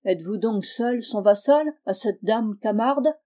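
A woman's voice: a little high, expressive, a little slow, dark tone. A woman reading the lines of a cunning male sorcerer who sermonizes in a lofty, wordy manner, in an audiobook of a classic tale. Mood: lecturing.

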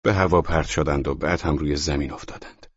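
Man, audiobook narrator, extremely deep, dry close sound, slightly dull audio. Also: fairly even intonation, husky, no room sound. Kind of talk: scripted narration.

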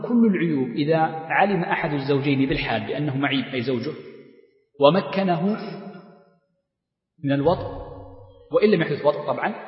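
Fast-talking sheikh in an echoey hall. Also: male voice, a little high. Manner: explanatory, repeats key terms, reads out the text and then comments. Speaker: sheikh teaching Islamic jurisprudence. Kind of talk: classroom explanation of a legal text. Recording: echoey lecture hall, dull lo-fi sound.

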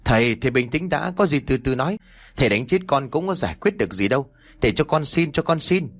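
A man's voice: medium pitch, lively intonation, quick pace. A man voicing a cowardly young village man who pleads and argues with his parents. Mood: pleading. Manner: whiny, pleading.

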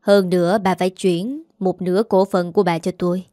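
A woman voicing a bold, scheming young woman who speaks in accusing, sharp-tongued lines in a spoken story. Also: fairly low pitch, steady tone, a little fast, dry recording, studio quality, natural voice. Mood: defiant.

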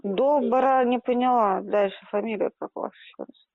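A woman's voice: on the high side, moderate pace. Mocking woman on a muffled phone line. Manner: mocking, defiant, colloquial. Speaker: person receiving debt collection calls. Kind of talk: argumentative phone conversation. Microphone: telephone.

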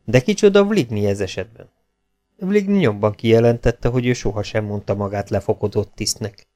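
A man reading an adventure novel aloud in a steady, measured audiobook narration. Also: lowish voice. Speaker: audiobook reader.

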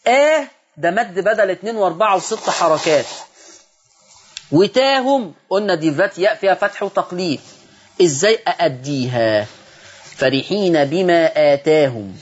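A man with an Egyptian accent teaching Quran recitation on a televised lesson, explaining quickly and then reciting example words slowly. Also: high voice, animated, muffled recording, a little hiss or hum.

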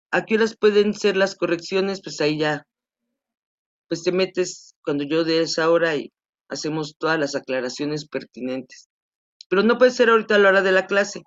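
Woman teacher over a lo-fi call. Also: on the low side. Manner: patient, repetitive explaining. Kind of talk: online class instructions. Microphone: video call. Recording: dull lo-fi video call audio.

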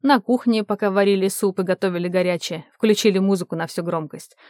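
A woman narrating an audiobook in a measured, even manner. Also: medium pitch, no echo, clean studio sound. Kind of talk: audiobook reading.

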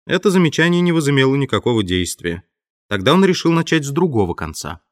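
This scripted audiobook narration comes from a medium-pitched man telling the story in a steady, measured way, with clean studio sound and no room noise.

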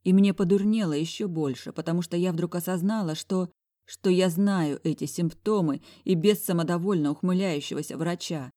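A woman reading a first-person audiobook in a wry, lively storytelling manner. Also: on the low side, normal speed, no room sound, studio quality. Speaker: audiobook narrator.

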